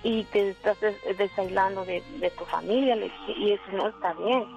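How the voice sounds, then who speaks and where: A woman's voice: mid-range voice, fairly even intonation, moderate pace, vocal fry, soft background music. A woman in her forties calling into a radio show, telling a personal story at length and quoting the lines of the people in it. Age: 40s. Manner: rambling storytelling, quoting dialogue. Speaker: caller. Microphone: telephone. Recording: dull phone line.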